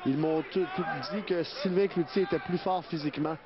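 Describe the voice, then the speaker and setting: A man with a slightly high voice analyses a fight live. He explains hesitantly, in dull broadcast sound over music. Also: fairly even intonation, a little fast, a crowd in the background. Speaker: colour commentator and fight analyst.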